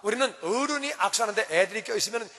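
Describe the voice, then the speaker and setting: A man preaching a sermon as pastor in a church, animated and acting out scenes. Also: high voice, quick pace. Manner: animated, acts out parents shouting at children. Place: church sanctuary. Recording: church hall reverb.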